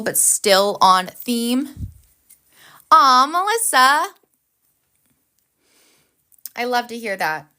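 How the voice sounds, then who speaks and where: Woman, livestream host, bright chatty voice, upbeat and reacting to chat. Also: fairly high pitch.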